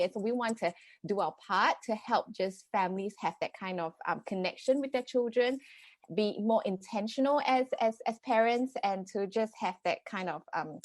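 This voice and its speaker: On a conversational podcast, a woman in her thirties from Singapore, a parenting coach, lays out her ideas with real earnestness. She speaks in a mid-range voice, often using fillers and starting sentences over, and the sound has no echo.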